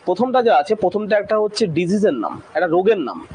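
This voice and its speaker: A high-voiced man runs a classroom English lesson. He breaks long words into slow syllables, keeps checking in with the class, and a faint hiss of noise sits under his voice. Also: sing-song, a little mellow. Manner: drills pronunciation slowly syllable by syllable, often asks "ঠিক আছে?". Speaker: English teacher.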